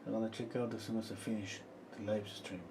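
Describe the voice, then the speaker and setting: A man from Peru talks through a live painting lesson in a low, calm voice. He is quiet and unhurried and often trails off into murmurs mid-stroke. A steady background hiss runs under the whole recording. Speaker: painting instructor.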